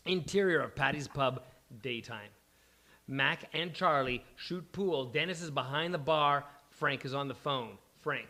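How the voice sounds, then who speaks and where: Before a studio audience at a live venue, a host reads the stage directions aloud for a table read. His voice is medium in pitch, pushed and bright, and a touch slow, with faint background noise typical of a live event.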